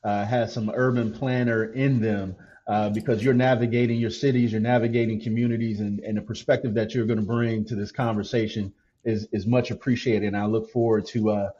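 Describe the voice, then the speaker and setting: A man from Canton, Ohio, hosting a podcast in casual chat, relaxed and repeating words as he starts his sentences. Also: fairly low pitch, fairly quick, muffled recording, a little hiss or hum. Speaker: podcast host.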